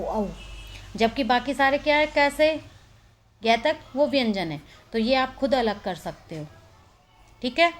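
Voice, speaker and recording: A woman teacher with a slightly high voice talks through a grammar lesson. She explains point by point, often checks in with a quick question, then answers it herself. It sounds like a phone voice recording. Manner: explains step by step, asks and answers own questions, frequent "है ना".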